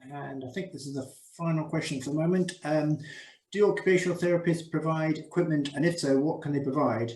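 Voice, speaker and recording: A man's voice: fairly high pitch, fairly quick, darkish tone. Polite man hosting over a video call. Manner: hesitant and polite, many fillers and restarts. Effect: heard over a video call. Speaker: moderator of a Q&A session. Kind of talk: casual question-and-answer moderation. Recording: echoey and distant video call audio.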